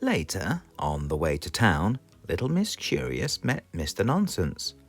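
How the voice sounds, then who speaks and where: Music plays behind a low-pitched, gravelly, slightly rough voice as a British narrator reads a children's story at a somewhat slow pace. The delivery is expressive, pulling the listener in with questions directed at them.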